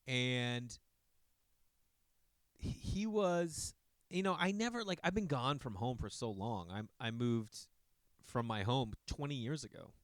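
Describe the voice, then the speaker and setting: This podcast host, a middle-aged man from Massachusetts, speaks slowly in a mid-range voice with lively intonation, pausing often. His casual, rambling monologue is peppered with profane asides to listeners, recorded in studio quality without echo.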